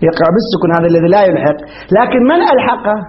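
A man with a fairly high voice teaches a grammar lesson. He asks his class questions, answers them himself and repeats the example words slowly. The recording sounds dull and lo-fi. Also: lively intonation. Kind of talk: explaining a grammar text.

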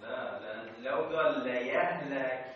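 A man's voice: mid-range voice, unhurried, crowd noise. A man, a seminary student, raising objections to his teacher in class. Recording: distant, echoey lo-fi classroom with people around.

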